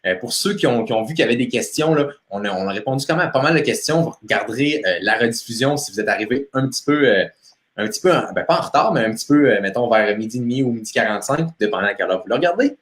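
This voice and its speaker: A man's voice: mid-range voice, lively intonation, racing, fairly bright tone, reverberant. A man with a Québécois accent hosting a live stream interview, casual and full of fillers. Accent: Québécois French. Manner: casual, many fillers and restarts. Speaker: host.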